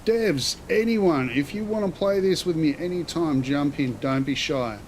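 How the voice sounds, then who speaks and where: A man's voice: fairly high pitch, a little slow, slight background noise. A man giving casual, slangy live gameplay commentary, rambling as he thinks aloud. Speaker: game streamer.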